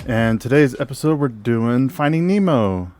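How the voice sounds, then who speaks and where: A man co-hosting a casual movie podcast. He reads film credits haltingly, with many fillers and restarts. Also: mid-range voice, animated, a little mellow. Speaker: podcast co-host.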